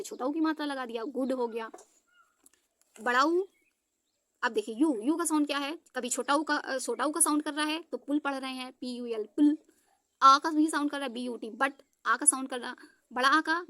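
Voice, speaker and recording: A woman, high-pitched and close to the mic, teaches phonics one letter at a time. She stretches out each sound carefully and keeps asking questions before she gives the answer. The recording is dry, with no room sound. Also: fairly bright tone, no room sound. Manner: patient, asks the class questions and answers them herself; sounds out letters slowly and deliberately. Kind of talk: phonics lesson for Hindi speakers.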